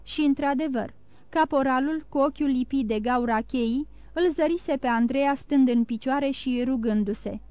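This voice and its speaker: A woman narrating a classic novel as an audiobook in a steady storytelling reading. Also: high-pitched, no echo. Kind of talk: scripted narration.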